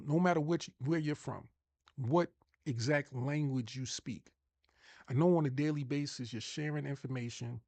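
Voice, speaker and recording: A man with a Long Island New York accent speaks to his viewers like a motivational coach, pressing his points hard and doubling back on words as he goes. His voice has a gravelly edge at a mid pitch. The sound is dry and close, with no room echo. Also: a little mellow. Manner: emphatic, restarts and repeats words. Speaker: online marketing coach.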